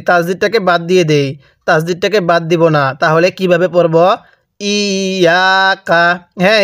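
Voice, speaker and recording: A man with a Bangladeshi Bengali accent teaching Quran reading. He spells out each syllable slowly and has learners repeat after him. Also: high voice, fairly bright tone, no echo, studio quality. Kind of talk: spelling-out recitation lesson.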